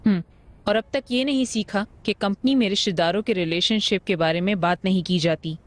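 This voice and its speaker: A woman's voice: mid-range voice, brisk, no echo, natural voice. A woman dubbing a haughty businesswoman in a TV drama, speaking curtly and with command. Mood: stern. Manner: curt, commanding. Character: haughty businesswoman, sharp with staff. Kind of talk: dubbed TV drama.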